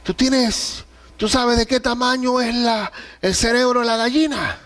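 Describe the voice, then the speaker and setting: Guy acting out a harsh scolding dad, mocking, voice pushed up high and a bit distant. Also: steady tone, a little slow, fairly bright tone. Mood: exasperated scolding. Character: stern father scolding his young son.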